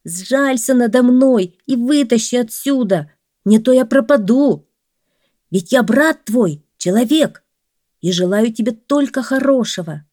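A woman voicing a desperate man trapped in a well, pleading loudly in a raised voice. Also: a little high, lively intonation, measured pace, no echo, studio quality, voice pushed up.

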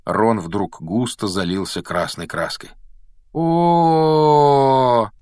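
A man reading an audiobook aloud, with measured, expressive storytelling narration. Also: fairly low pitch, no room sound. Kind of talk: scripted narration.

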